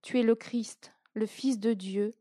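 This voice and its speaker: A woman voicing a grieving, faithful woman in a soft, earnest reading. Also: a little high, fairly even intonation, takes it slowly, no echo, studio quality.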